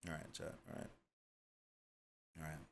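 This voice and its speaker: A game livestreamer delivers casual live commentary and chats with his viewers in slangy, repetitive, easygoing banter. He speaks at a normal speed in a slightly bright voice, with music behind him.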